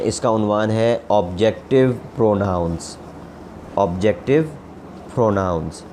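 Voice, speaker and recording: A man's voice: medium pitch, dark tone, slight background noise. A man teaching English vocabulary, repeating each word several times before giving its meaning. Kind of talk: vocabulary lesson with repetition drills.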